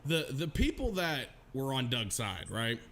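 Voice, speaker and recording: A man's voice: medium pitch, very animated, unhurried, a bit bright, a little hiss or hum. A man co-hosting a casual livestream chat, rambling and swearing with many restarts. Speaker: livestream co-host.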